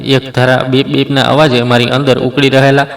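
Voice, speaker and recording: Flat-voiced male storyteller. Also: mid-range voice, brisk, vocal fry. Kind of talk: scripted first-person narration. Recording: roomy echo, distant mic.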